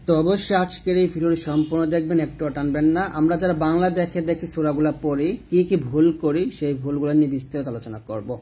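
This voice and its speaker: A man with a slightly high voice teaching recitation. He breaks each word down letter by letter in a patient lesson style, then chants the verses slowly with long, drawn-out vowels. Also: mellow, breathy edge.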